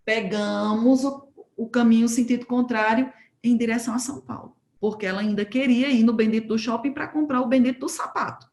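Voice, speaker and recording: A woman preaching at a church home group, telling a testimony as a lively story and acting out the dialogue. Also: fairly high pitch, a little fast, echoey room. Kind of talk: sermon testimony told as a story.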